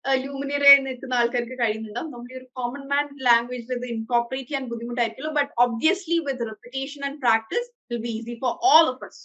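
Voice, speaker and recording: A woman's voice: high-pitched, moderate pace, hardly any pauses, bright, forceful tone, lo-fi sound. A woman with a Malayali accent teaching an online English class over a video call, mixing English and Malayalam with frequent hesitations. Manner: switches between English and Malayalam, hesitant fillers.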